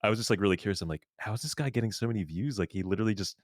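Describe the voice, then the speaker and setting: A man's voice: fairly low pitch, rapid-fire, no room sound, clean studio sound. A young man streaming casually with a friend, rambling with lots of fillers and frequent laughs. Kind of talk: casual chat.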